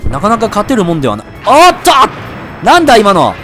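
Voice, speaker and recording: Excitable, high-voiced male gamer. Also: a little fast, soft background music. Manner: excitable, yelps and shouts at hits. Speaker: let's play gamer. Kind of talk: excited game commentary.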